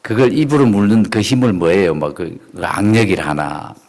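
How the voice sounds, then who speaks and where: A middle-aged male pastor preaching a sermon, emphatic and animated, often asking the congregation questions and laughing. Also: on the low side, fairly quick, vocal fry.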